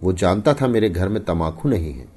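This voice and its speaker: A suspicious village husband speaks in a stern, firm voice, as the narrator gives him lines. The voice is deep and mellow with a husky edge, and it rises and falls a lot. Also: male voice, animated, moderate pace. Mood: accusing.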